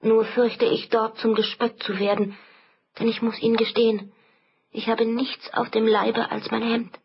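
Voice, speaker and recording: A woman's voice: level tone, measured pace, husky, dull audio, heavily acted. A woman reading an audiobook, voicing a distressed young Spanish noblewoman who pleads for help in a raised, urgent voice. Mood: pleading. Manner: pleading, breathless, raised pitch.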